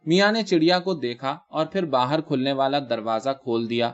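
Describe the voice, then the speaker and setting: A man reading a literary short story aloud, narrating in a measured, dramatic way. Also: mid-range voice, highs cut off. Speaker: story reader.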